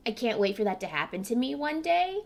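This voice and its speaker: A woman's voice: fairly high pitch, sing-song, fairly quick, vocal fry, a little mellow. A young woman hosting a casual interview over a video call, informal and encouraging with her guest. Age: young adult. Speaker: interviewer, host. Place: indoors before a cloth backdrop. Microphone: computer mic on a video call.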